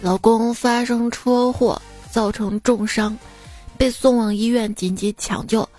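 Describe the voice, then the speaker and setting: A woman's voice: fairly high pitch, steady tone, measured pace, warm tone, faint music behind. A woman radio host reading funny listener stories in a playful, laughing manner. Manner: playful, laughing often, doing small voices.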